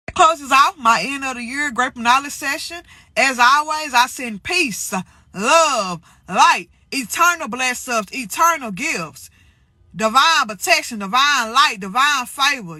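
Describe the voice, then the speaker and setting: Her high, bright voice carries a forceful edge as she talks bluntly to her spiritual channel's audience, peppering her speech with slang and curses. A touch of allergy congestion comes through, with no echo in the audio.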